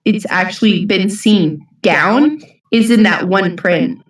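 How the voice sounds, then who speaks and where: A woman chatting casually in a fan discussion, animated and giggly. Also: medium pitch, takes it slowly. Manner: animated and giggly, reads comic lines aloud. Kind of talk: casual chat. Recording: roomy echo from far mic.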